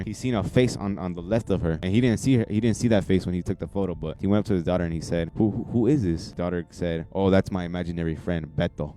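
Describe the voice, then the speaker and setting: A young man in animated casual podcast chat, swearing freely. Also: sits low.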